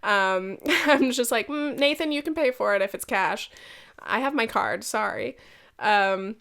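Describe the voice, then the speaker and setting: Congested and nasal from a head cold, a woman in her twenties hosts a relaxed solo podcast full of chatty, profane, self-deprecating asides. She speaks unhurriedly with lively intonation in a slightly high, creaky, somewhat bright voice.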